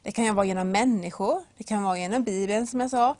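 A woman's voice: medium pitch, a little mellow, dry recording. A woman giving a devotional talk that retells a Bible story, acting out the voices and speaking straight to the listener with simple examples. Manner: storytelling with acted-out voices and a whispered aside.

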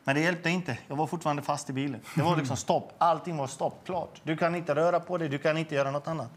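A middle-aged man with a slightly raised pitch shares his faith testimony. He talks earnestly and with feeling, and he often stumbles over repeated words and starts his sentences again. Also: steady tone. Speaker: guest sharing a faith testimony. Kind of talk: personal religious testimony.

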